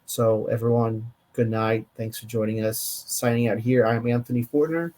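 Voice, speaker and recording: A tired, yawning man co-hosts a live-streamed data podcast, rambling through a casual chat full of fillers, restarts and self-corrections. He's a data engineer with a medium-pitched, warm voice, a level tone and a moderate pace.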